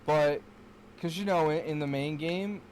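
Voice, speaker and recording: A man chatting casually while playing a kart racing game with friends, excitable and rambling, swearing often. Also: a little high, measured pace, slight background noise. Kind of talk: casual gaming chat.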